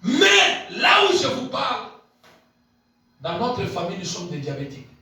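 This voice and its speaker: A man preaching a sermon as pastor, swinging between shouted peaks and low murmured asides and repeating key phrases. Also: huge pitch swings, a little slow. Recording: very echoey hall, voice picked up from a distance.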